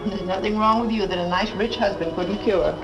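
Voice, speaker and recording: An American actress in a 1930s film comedy playing a worldly, wisecracking friend with a wry, sardonic manner. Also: female voice, mid-range voice, a little fast, natural voice, rough recording. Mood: wry, rueful. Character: wisecracking, worldly, tough-hearted female rooming-house friend. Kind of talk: 1930s Hollywood comedy acting. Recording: old 1930s film soundtrack, music behind.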